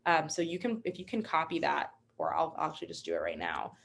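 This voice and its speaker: Young female test-prep instructor, lowish voice, cheerful and encouraging, casual webinar teaching. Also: huge pitch swings, fast talker, gravelly, slight background noise. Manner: upbeat, encouraging, chatty with fillers. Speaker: MCAT instructor. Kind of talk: live online teaching webinar.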